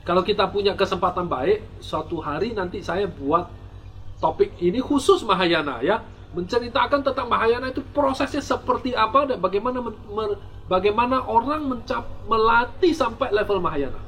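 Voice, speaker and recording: A man's voice: sits high, expressive, moderate pace, a bit bright, a little hiss or hum. A man, a Buddhist monk, giving a dharma talk and answering viewer questions with rhetorical questions, teasing humor and frequent restarts. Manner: frequent restarts and repeated words.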